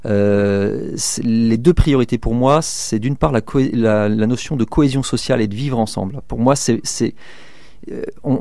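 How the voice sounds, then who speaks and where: The studio-quality recording, free of room sound, captures a mellow, medium-pitched man's voice. He's in his 30s, from southern Manche in northern France, and as a local election candidate he answers interview questions with hesitation, many fillers and restarts.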